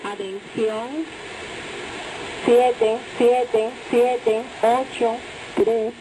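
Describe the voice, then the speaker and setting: A woman's voice, likely synthesized, announcing a header and then reading single digits in a flat numbers-station monotone, played from a shortwave radio recording. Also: fairly high pitch, drawn-out words, noisy background. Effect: flat numbers-station monotone over shortwave radio.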